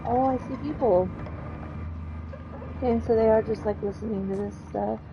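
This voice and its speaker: A woman's voice: a little high, moderate pace, dull audio, noisy background. A woman streaming a video game with casual, playful commentary, chatting to herself as she plays. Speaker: gaming streamer.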